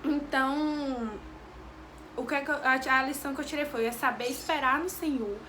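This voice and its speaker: A young Brazilian woman with a Bahian accent talks straight to camera in a high, bright voice. She tells a devout personal testimony and repeats her words for emphasis. A faint background noise sits under the recording. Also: normal speed. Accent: Bahian Brazilian Portuguese. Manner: heartfelt, devout, repeats phrases. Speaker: vlogger.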